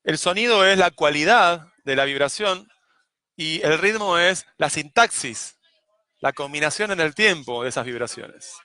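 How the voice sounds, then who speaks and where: A man teaching poetics, explaining in a measured way and tapping out rhythms with spoken syllables. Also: a little high, expressive, pushed and bright, no room sound. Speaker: poetry teacher.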